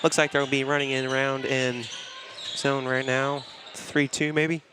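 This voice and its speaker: A man calling live basketball play-by-play in a brisk, steady way, leaning on "it's gonna be" over and over. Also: medium pitch. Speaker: play-by-play announcer. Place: school gymnasium during a game. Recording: loud gym noise with bouncing balls.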